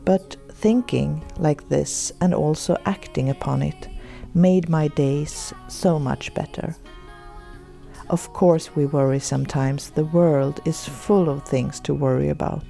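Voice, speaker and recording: A middle-aged woman, hosting a podcast and speaking her reflections slowly and thoughtfully, then reading from a book. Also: low voice, creaky, faint music behind. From Sweden. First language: Swedish. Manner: slow, thoughtful and gentle. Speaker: podcast host.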